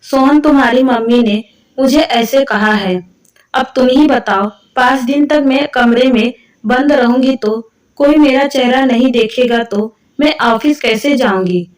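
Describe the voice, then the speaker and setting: Storybook role: level-headed young working wife, read by a woman narrator, bright-ish pitch, distant mic. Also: a little slow, echoey room. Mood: reasoning. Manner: calm, reasoning.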